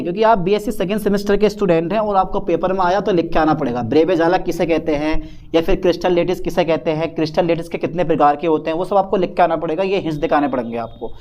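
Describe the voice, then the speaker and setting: A man's voice: sits high, darkish tone. A male chemistry teacher giving a chatty, playful board lecture in a Hindi accent, teasing and coaxing his students as he writes. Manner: chatty, playful, addresses students as beta and sahab. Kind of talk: chalkboard lecture.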